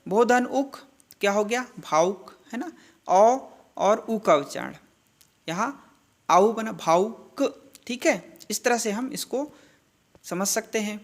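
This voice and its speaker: A woman gives a grammar lesson at a steady, deliberate pace. She sounds out each piece slowly, poses questions and answers them herself. She often checks in with her students. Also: medium pitch. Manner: asks and answers her own questions, frequent "theek hai" and "hai na" check-ins; slow, deliberate spelling-out of sounds. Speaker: Hindi grammar teacher. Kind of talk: classroom-style grammar lesson.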